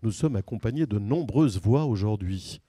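A man's voice: lowish voice, lively intonation, normal speed, mellow, slightly rough, no echo, studio quality. Hesitant man hosting school radio. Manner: hesitant, many fillers and restarts. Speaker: host of a school web radio show. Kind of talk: hosting a radio show with pupils.

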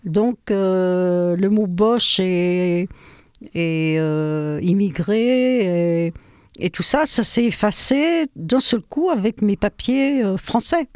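Speaking slowly in a clear, resonant, slightly mellow voice of medium pitch, an older Ukrainian-speaking woman from France tells her life story in an interview. She hesitates often and uses many fillers, and there is no echo.

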